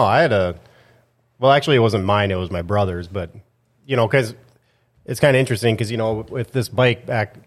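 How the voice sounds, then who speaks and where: Guy with a lowish voice rambling through a movie chat, lots of you know and um. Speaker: podcast co-host. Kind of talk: casual chat. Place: studio.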